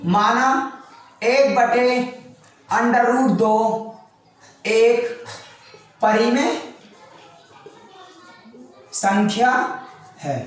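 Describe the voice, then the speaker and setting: A male maths teacher giving a board lesson, asking questions and answering them himself, repeating key words slowly step by step. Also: extremely high pitch, fairly bright tone. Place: classroom with a board. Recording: very echoey room.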